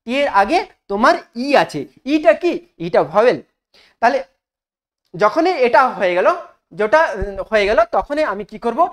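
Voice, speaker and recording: Speaking at a medium pitch, a woman leads a stylish English grammar lesson, quizzing her students and slowly repeating each rule to drive it home.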